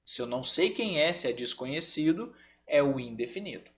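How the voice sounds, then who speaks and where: A Brazilian man teaches an online grammar class, and his pitch climbs and drops all through his explanations. He keeps checking that the students follow with quick little tag questions. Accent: Brazilian Portuguese. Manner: lively, checks in often with "certo?" and "tá?".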